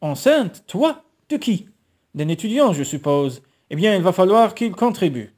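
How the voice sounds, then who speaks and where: Un homme qui lit un roman à voix haute et prête sa voix à une mère autoritaire et méprisante. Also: male voice, a little high, expressive, normal speed, warm tone, lightly acted. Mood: indignée.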